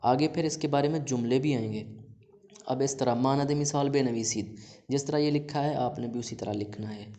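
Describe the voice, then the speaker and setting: A man teaching a recorded language lesson, his voice sitting at an ordinary middle pitch. He reads word lists slowly, one item at a time, then tells the students plainly what each word means. Now and then he turns to them directly with simple instructions. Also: warm tone.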